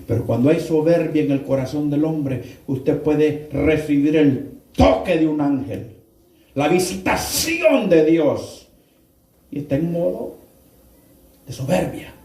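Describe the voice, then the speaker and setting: A man preaching a sermon, firing rhetorical questions at the congregation and rising into sudden shouts. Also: a little high, slow pace. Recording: roomy echo, mic far off.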